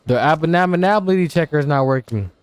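A man's voice: fairly high pitch, lively intonation, a little fast, clean tone. A young man streaming a horror game with scared commentary, playfully scolding the game's characters as he talks to them.

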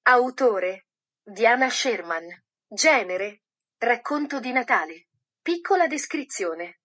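Woman reading a storybook, slightly high voice. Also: expressive, takes it slowly, fairly bright tone. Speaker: audiobook narrator. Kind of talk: scripted storybook narration.

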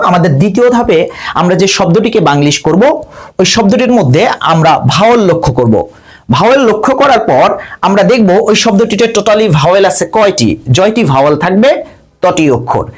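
High-voiced young male teacher. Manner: patient, explains step by step, addresses students directly. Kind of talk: lesson narration.

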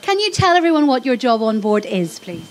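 A woman's voice: a little high, very animated, a little fast. A woman hosting a ceremony on board a ship, chatting playfully with crew members in front of an audience. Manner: chatty, playful, self-deprecating. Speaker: ceremony host interviewing crew. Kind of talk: lively onstage interview. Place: ship's lounge with audience.

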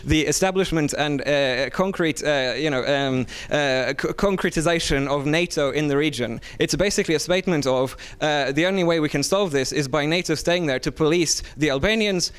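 Young man from Serbia, impassioned floor comment, fairly high and smooth voice, lots of "uh"s. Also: moderate pace, hardly any pauses, a bit bright. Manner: earnest, hesitant with many fillers and restarts, gesturing. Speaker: audience member speaking at a panel. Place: conference hall. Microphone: handheld mic.

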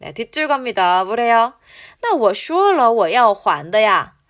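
Lively woman teaching a language lesson. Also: mid-range voice. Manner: animated, coaxing, asks the viewers questions; reads lines slowly and clearly for practice. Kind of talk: online lesson explaining drama dialogue.

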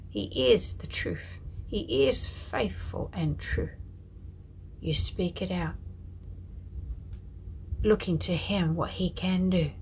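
Slow, soft-spoken woman sharing scripture. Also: fairly low pitch, a little hiss or hum, low-quality recording. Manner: soft and prayerful, often dropping to a whisper; emotional, tearful at moments. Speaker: ministry leader sharing a prophetic word. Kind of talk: devotional message with scripture reading.

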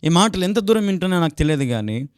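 A man's voice: high voice, very animated, fast, clear, resonant tone, dry recording, studio quality. A male pastor with a Telugu accent preaching a sermon, who acts out quarrels in raised voices and often calls out hallelujah. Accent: Telugu, Andhra Pradesh. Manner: fervent exclamations of hallelujah.

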